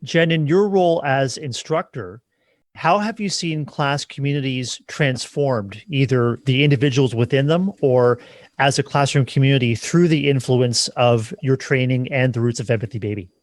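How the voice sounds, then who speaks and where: A man hosts a podcast interview and asks each question in a measured, formal way. His voice sits at an ordinary middle pitch. It sounds dry and close, with no room around it. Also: no room sound. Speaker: podcast host.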